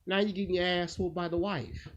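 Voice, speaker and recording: A man's voice: high voice, steady tone, brisk. A man hosting his own video, telling a rambling, crude story in a blunt, casual way and acting out the quoted lines. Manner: loose rambling delivery with acted-out quotes. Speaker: video host. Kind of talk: casual monologue. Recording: dull lo-fi sound with faint noise.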